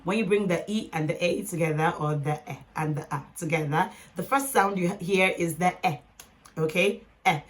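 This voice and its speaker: A woman teaching a phonics lesson, patiently sounding out words letter by letter and talking straight to her learners. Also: lowish voice.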